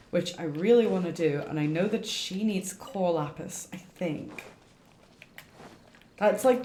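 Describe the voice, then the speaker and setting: A woman with a lowish, slightly mellow voice streams a game, thinking aloud in casual, rambling commentary. Faint game music plays in the background of an echoey room, with a little background noise.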